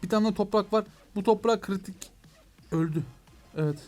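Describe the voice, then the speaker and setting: A young man giving excitable let's play commentary on a mobile game, talking to his viewers and to the game, with mock frustration when things go wrong. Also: sits high, normal speed, faint music behind. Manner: excitable, addresses viewers as "gençler". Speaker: gaming YouTuber.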